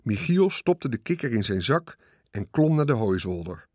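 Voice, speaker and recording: With a moderate pace, a man gives an expressive storybook reading for children, his pitch moving with the plot. No room sound is audible in this clean studio recording.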